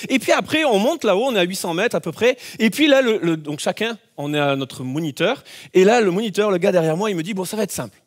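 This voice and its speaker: Animated high-voiced male preacher. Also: fast talker, hardly any pauses. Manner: animated storytelling, acts out scenes with shouts. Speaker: pastor. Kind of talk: sermon.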